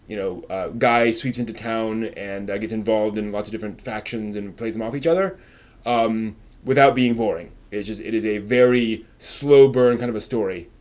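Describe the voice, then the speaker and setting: A man with a lowish, darkish voice hosts a casual live stream, chatting and thinking aloud as he answers viewers. He speaks haltingly and often trails off.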